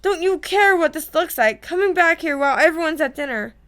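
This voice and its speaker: Bossy teen prefect boy, woman reading him, stern and scoldy, pretty high voice. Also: animated, brisk, fairly bright tone. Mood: scolding.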